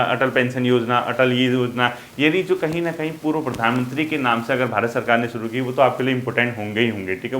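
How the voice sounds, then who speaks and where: A man's voice: medium pitch, a bit bright. A young man teaching an exam-prep lesson casually, repeating key points with emphasis and mixing in English terms.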